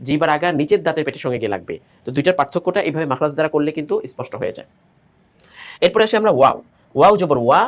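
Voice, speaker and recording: Male teacher, slightly higher voice, patient syllable drills, explains tongue placement. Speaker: Quran recitation teacher. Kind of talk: step-by-step pronunciation lesson.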